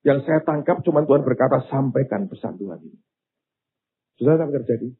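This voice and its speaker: An older male pastor preaches in a lively storytelling manner, his pitch leaping high and low. His voice is husky, and the sound is thin and phone-like. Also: quick pace. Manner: animated, rising to loud exclamations. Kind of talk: sermon with storytelling.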